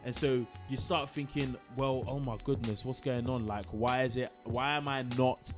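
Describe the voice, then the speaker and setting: A man's voice: mid-range voice, normal speed, music in the background. Young man chatting in slang. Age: 20s. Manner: relaxed slang-heavy banter. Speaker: podcast co-host. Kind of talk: casual chat.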